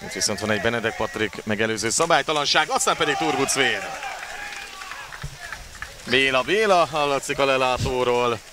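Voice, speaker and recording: Male sports commentator over clear background noise. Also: mid-range voice, hardly any pauses. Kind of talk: live water polo play-by-play commentary.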